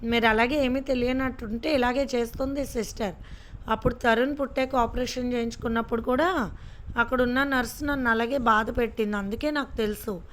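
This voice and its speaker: A woman's voice: on the high side, steady tone, slight background noise, natural voice. A woman reading the lines of a fussy, childlike middle-aged wife who complains and scolds. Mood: complaining. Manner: pouting, complaining, quick-tempered.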